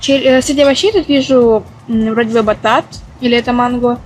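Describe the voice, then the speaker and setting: A woman's voice: a little high, steady tone, a little fast, rough recording. A woman casually commenting on camera about the food in front of her, thinking aloud and hesitating as she goes. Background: faint music.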